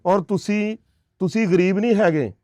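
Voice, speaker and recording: High-pitched and slightly mellow, the man talks at normal speed with no echo. As a charity worker passing aid money to a family, he delivers earnest on-camera talk that is reassuring and preachy, checking in often with brief questions.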